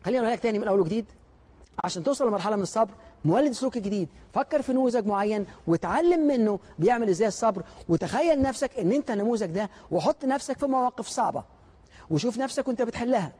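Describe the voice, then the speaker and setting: A man gives a motivational lecture in an Egyptian Arabic accent, speaking very quickly. His voice sits high and has a husky edge. He leans on rhetorical questions and acts out other people's words to drive his points home. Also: expressive, warm tone.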